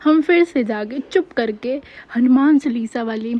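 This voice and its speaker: Brief: young woman, high voice, lively casual storyteller, dull lo-fi recording. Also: unhurried. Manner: chatty, expressive, dramatic.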